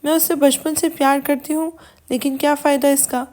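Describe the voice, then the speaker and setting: A timid young woman pleads with fear in her voice, read by a woman narrator. It is a high, plain storybook voice. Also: steady tone, a little mellow, close to an everyday voice. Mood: pleading. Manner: pleading, fearful.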